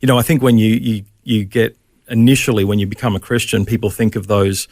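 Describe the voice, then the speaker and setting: A man's voice: lowish voice, little pitch movement, fairly quick, a little mellow, no room sound, clean studio sound. A middle-aged Australian man, a pastor, telling his faith story in a casual interview, with many ums and restarts.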